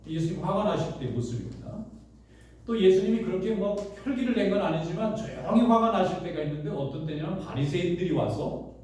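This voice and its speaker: A man's voice: high voice, lively intonation, fairly quick, darkish tone. A man who pastors a church, preaching a sermon in a conversational storytelling way with many rhetorical questions. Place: church sanctuary. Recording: echoey church hall, voice from a distance.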